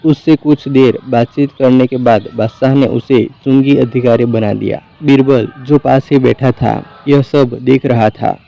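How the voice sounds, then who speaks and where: A man reading folk tales aloud as a storyteller, in an even, measured narration. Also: mid-range voice, creaky. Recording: dry, slightly dull recording.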